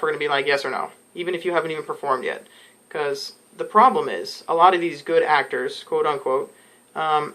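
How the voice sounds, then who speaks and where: A man's voice: fairly high pitch, a bit bright, poor audio. A man giving casual audition advice to camera as a casting director, rambling through tangents with many "um"s and "you know"s.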